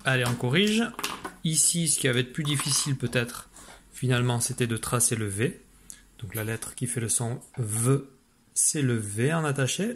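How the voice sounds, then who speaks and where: In an online spelling lesson for young children, a male primary school teacher patiently dictates syllables and spells out sounds and letters. His voice is mid-range, with a little hiss or hum on the recording.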